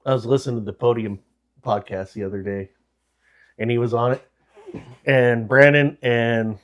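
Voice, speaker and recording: A man co-hosting a podcast in casual, profane chat, easygoing and quick to agree. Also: mid-range voice, fairly even intonation. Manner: laid-back, profane, laughs along. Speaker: podcast co-host.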